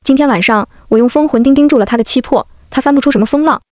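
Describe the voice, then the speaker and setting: A cool, curt young Taoist exorcist, read by a woman in a quick, fairly high voice. He speaks plainly and dryly, with no warmth, in a close, dead-sounding reading. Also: dry recording, natural voice. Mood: cool blunt. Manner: curt, matter-of-fact.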